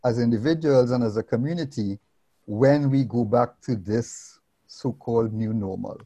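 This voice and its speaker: Male moderator, mellow and dry sound, earnest, asks questions. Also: medium pitch, normal speed, husky, no room sound. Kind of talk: panel discussion.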